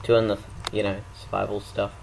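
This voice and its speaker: A man chatting casually while playing a game, relaxed and matter-of-fact, thinking aloud with the odd um. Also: fairly low pitch, moderate pace, vocal fry. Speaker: Minecraft player. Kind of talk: casual gameplay chat. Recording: noisy home recording.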